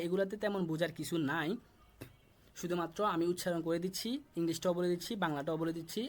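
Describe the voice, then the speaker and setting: A young man from Bangladesh leads a live online class over a call microphone. His voice sits a bit high, and he patiently repeats each word slowly for pronunciation. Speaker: German language teacher.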